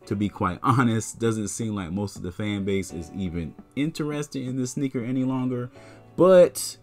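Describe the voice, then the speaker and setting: Laid-back low-voiced man vlogging sneakers. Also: moderate pace, faint music behind. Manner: laid-back, chatty, says "man" and "you know" often. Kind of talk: casual talk to camera.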